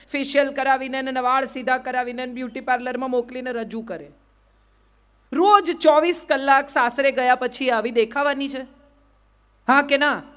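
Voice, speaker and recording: A middle-aged woman with a Gujarati accent giving a lively motivational speech, often putting questions straight to her audience. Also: high-pitched. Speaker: public speaker.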